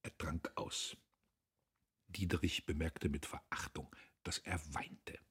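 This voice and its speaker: A man narrating a novel as an audiobook reader in a measured literary style. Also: a bass voice, fairly even intonation, a bit bright, breathy edge, in a whisper. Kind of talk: audiobook reading.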